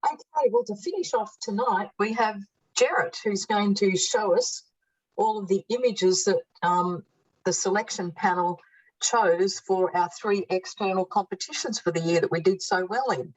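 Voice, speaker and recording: A woman's voice: mid-range voice, moderate pace, slightly rough. A woman chairing an online club meeting over a video call, friendly and upbeat. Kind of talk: casual online meeting talk. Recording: dull lo-fi call audio.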